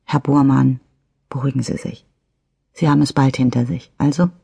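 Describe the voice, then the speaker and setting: A woman voicing a steady female detective, husky, firm questioning, audiobook character, dry sound. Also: extremely low pitch, brisk, no room sound, exaggerated voice. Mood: probing. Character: calm, persistent female police detective.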